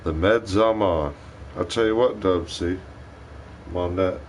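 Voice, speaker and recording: Rambling low-voiced man on a livestream. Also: measured pace, a little hiss or hum. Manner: rambling, profane storytelling. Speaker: livestream host. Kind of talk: casual livestream chat.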